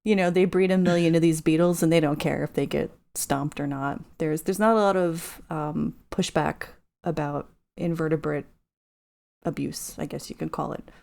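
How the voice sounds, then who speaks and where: A woman with a lowish voice and plenty of gravelly vocal fry talks as a podcast guest. She is an entomologist who explains insects in plain, knowledgeable terms and casual chat. Her sentences often restart as she works out how to put things. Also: fairly even intonation, normal speed, a little mellow.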